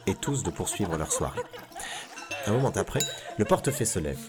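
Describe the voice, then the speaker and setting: A man narrating a tale in a measured, expressive reading. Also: on the low side, music in the background. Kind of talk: storybook reading.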